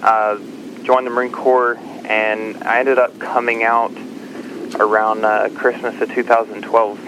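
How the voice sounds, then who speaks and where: A young man from Texas, a Marine, answers interview questions haltingly, with frequent uh fillers. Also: fairly low pitch, flat delivery, noisy background. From Kansas-born, raised in Texas. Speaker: guest, active-duty Marine.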